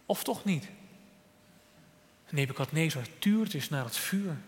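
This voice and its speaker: A man preaching a sermon in earnest, moving between loud stressed lines and quiet, soft ones. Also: on the high side, lively intonation, a little slow, a little hiss or hum. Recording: long reverb of a large church hall.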